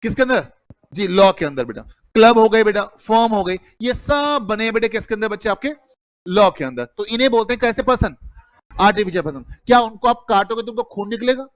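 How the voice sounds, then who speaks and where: Man, middle-aged, accounting teacher, high-pitched, quizzing students, dry close sound. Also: lively intonation, fairly quick, no echo. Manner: calls students "beta", quizzes the class with repeated questions. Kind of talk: classroom lecture. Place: classroom.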